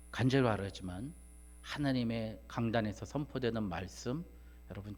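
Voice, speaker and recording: A man preaching a sermon, swinging from loud emphatic rises to hushed, almost whispered asides and firing rhetorical questions at the congregation. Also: lowish voice. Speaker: pastor.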